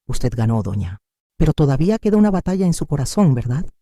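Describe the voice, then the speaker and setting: A woman's voice: low voice, big pitch swings, fast talker, dark tone, no room sound, clean studio sound. A woman voicing a loyal, comforting woman in an audio story. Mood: gentle.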